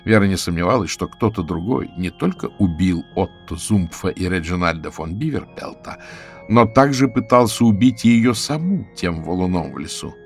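Brief: low, gravelly male audiobook narrator, lively lilting delivery, dry close mic. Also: moderate pace, faint music behind. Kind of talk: scripted narration.

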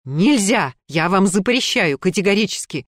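A woman's voice: mid-range voice, expressive, moderate pace, dry recording, studio quality, lightly acted. A woman narrating an audiobook, voicing a stern, commanding old woman who runs a museum. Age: older. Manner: commanding, lecturing, firm.

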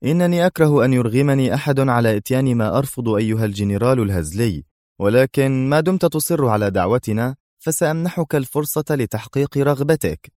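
A man voicing a cool, sarcastic male secret agent who talks with calm, mocking ease. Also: fairly low pitch, a little fast, no room sound, studio quality, pitched above the performer's own voice, lightly acted.

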